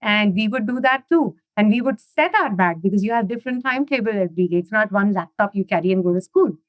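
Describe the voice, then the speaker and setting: A woman's voice: mid-range voice, lively intonation, quick pace, no room sound. A middle-aged woman from India, chatting as a guest in an interview and leaning on "you know" and "right?". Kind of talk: casual interview conversation.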